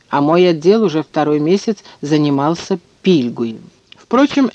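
A man narrating an audiobook in a measured, expressive storytelling manner, on a dull lo-fi recording. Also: a little high, dry recording.

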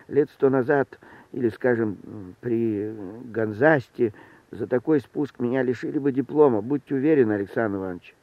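A man reading the part of a small, glum old wizard man with a hoarse voice and a mournful, apologetic manner. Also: mid-range voice, moderate pace, no echo, natural voice. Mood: rueful. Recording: dry, tinny lo-fi recording.

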